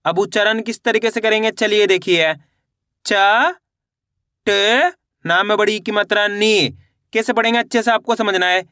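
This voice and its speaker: A man teaching children's reading, slowly sounding out each syllable and asking the viewer how to read each word. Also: high voice, sharp tone, smooth, dry recording, studio quality. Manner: slow syllable-by-syllable, repeats questions to viewers. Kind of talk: spelling-out reading lesson.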